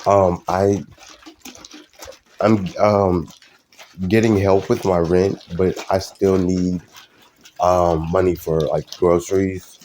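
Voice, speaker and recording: A man's voice: deep voice, little pitch movement, takes it slowly, pauses often, darkish tone, slight background noise. A young man live streaming, talking casually to his viewers in a rambling, hesitant way with many fillers and restarts.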